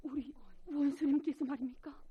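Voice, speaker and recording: A woman's voice: high-pitched, steady tone, normal speed, muffled recording, natural voice. An actress with a North Korean accent playing an emotional factory worker and mother in a drama. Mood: moved, astonished. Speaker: actor. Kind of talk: North Korean film or stage drama acting.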